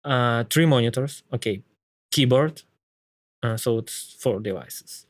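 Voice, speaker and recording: A man's voice: medium pitch, dry recording. Man with a thick Slavic accent, thinking aloud. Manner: halting, thinking aloud with frequent repetitions. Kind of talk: casual tech discussion.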